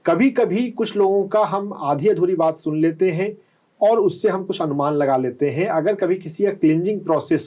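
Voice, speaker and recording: A man working as a doctor, calmly explaining answers to callers on a live health call-in show and often checking with "है ना?". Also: a little high, low-quality recording. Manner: calm, explanatory, often asks "है ना?".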